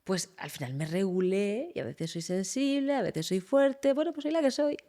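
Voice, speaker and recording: A woman's voice: mid-range voice, normal speed. A woman, a psychologist hosting a podcast, telling stories expressively in casual conversation. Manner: expressive, animated storytelling.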